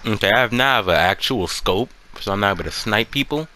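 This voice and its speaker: Lively, bright-voiced young man gaming. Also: on the low side, fairly quick. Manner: excitable, laughing, animated callouts. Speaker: gamer. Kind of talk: casual gaming chat. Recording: faint background noise.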